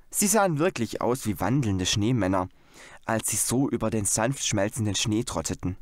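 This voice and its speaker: Male audiobook reader, lively intonation, dry close sound. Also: mid-range voice, no room sound. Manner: expressive storytelling. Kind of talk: scripted narration.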